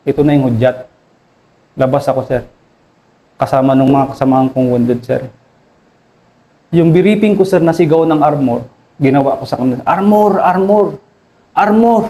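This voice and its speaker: Deferential Filipino army officer. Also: male voice, mid-range voice, mellow, low-quality recording. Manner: deferential, says "sir" constantly, halting with many fillers. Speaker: army officer recounting combat. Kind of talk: interview storytelling.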